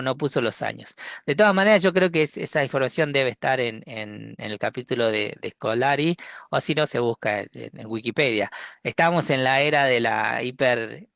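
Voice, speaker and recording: A man with a Rioplatense Spanish accent teaching a university class over a video call. His voice has a gravelly edge and sounds dry and close. He talks in a relaxed, joking way, restarting phrases and ending them with tag questions. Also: mid-range voice, no room sound. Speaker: university lecturer. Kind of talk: online class lecture.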